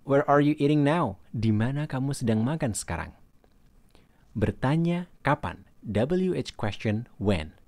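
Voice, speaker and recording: Man teaching English, slow, dry. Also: medium pitch, a little mellow, no echo. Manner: reads English examples slowly, then translates. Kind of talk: recorded language lesson.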